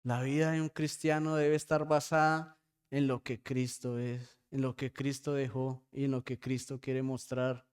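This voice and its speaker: A man preaching a sermon in church, often asking his congregation for a quick "yes?" and calling them brothers. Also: mid-range voice, level tone, clear, resonant tone. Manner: preaching with frequent rhetorical "¿sí?" checks. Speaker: pastor.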